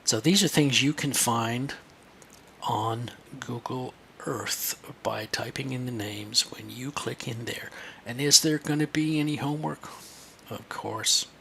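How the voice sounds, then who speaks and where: Gravelly, bright-voiced man teaching on screen. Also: medium pitch, unhurried, a little hiss or hum. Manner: chatty, thinking aloud while pointing things out. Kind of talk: screen-share lesson for kids.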